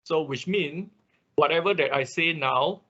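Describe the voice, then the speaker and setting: Speaking a little slowly in a higher-than-average voice that sounds pushed and bright, a man leads an informal hands-on tech tutorial online. He walks through the steps, checks in often with short tags, and is recorded on a dull computer mic during an online class.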